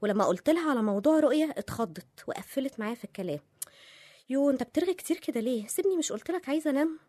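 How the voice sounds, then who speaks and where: A woman's voice: high voice, expressive, rapid-fire, dark tone, dry recording. Woman playing a frightened young Egyptian wife. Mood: drowsy. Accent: Egyptian Arabic. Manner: sleepy then panicked, pleading. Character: young wife terrified by nightmares. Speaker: wife woken by a nightmare. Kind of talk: audio drama acting.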